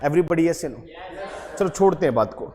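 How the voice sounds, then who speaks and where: A man teaching an English grammar lesson to a class, lively and quizzing his students with repeated questions. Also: a little high, moderate pace, in a large hall. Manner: lively, quizzing students, calls them beta.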